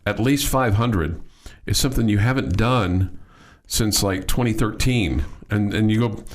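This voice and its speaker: A man hosting a casual sports radio show, talking in a halting way and repeating words as he goes. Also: fairly low pitch.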